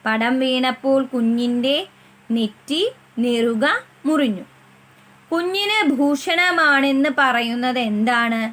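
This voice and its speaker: A woman teacher with a Malayali accent giving a primary school lesson, repeating each answer slowly for the children to say after her. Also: high voice, a bit bright, low-quality recording.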